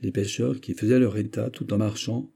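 Man, audiobook narrator, measured storytelling, low pitch, husky voice. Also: steady tone, mellow. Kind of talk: scripted narration.

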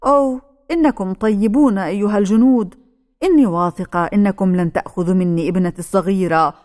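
A woman's voice: medium pitch, quick pace, a little mellow, lightly acted. A woman voicing a desperate old mother, a recluse who shields her daughter and pleads with soldiers in an audiobook. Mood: pleading. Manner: pleading, frantic cries.

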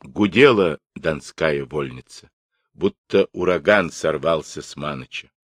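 A man narrating an audiobook in an expressive, dramatic style, close to the mic. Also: low-pitched, a little slow, dry recording.

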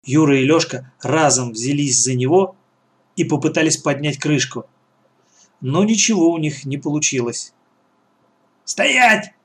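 A man's voice: a little high, normal speed. Man narrating a children's adventure audiobook. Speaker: audiobook reader.

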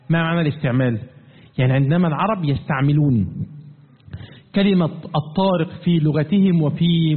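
A man teaching a Quran commentary class, lively, asking his students questions and answering them himself, and chanting verses slowly. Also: on the high side. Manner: recites verses in a slow chant. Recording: tinny phone-like line with long reverb.

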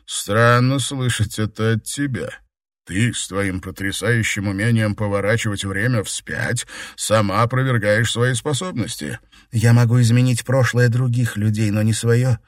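A man's voice: fairly low pitch, fairly even intonation, moderate pace, no echo, studio quality, natural voice. A man voicing a determined sorceress in an audiobook, speaking in a raised, intense way. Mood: resolute. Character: determined sorceress, woman, defiant and passionate. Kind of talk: audiobook character voice.

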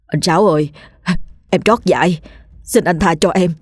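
A woman's voice: lowish voice, moderate pace, husky, dry recording, studio quality. A woman voicing a terrified young man, a drug addict who stammers and grovels for mercy in a spoken ghost story.

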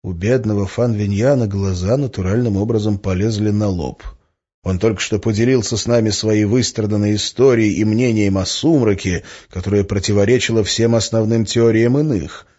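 A man narrating an audiobook in the first person, with a steady, even reading. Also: lowish voice, normal speed, breathy edge, lo-fi sound.

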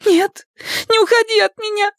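A man's voice: flat delivery, normal speed, creaky, fairly bright tone, no echo, clean studio sound, heavily acted. A man doing a tearful, clingy young mistress. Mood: pleading. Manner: pleading, high and sobbing. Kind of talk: audiobook character voice.

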